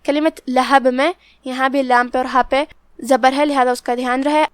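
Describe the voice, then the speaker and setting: A woman with a high, smooth, resonant voice teaches recitation rule by rule. She explains methodically and patiently. The sound is dry and close, with no room echo. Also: level tone. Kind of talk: step-by-step recitation lesson.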